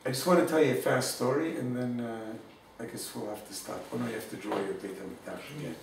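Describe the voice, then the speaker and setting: A man giving an informal Torah class, telling a story warmly and mixing in Hebrew and Yiddish words. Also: mid-range voice, fairly quick, gravelly, distant mic, a little hiss or hum. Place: room in Jerusalem. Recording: echoey room, speaker away from the mic.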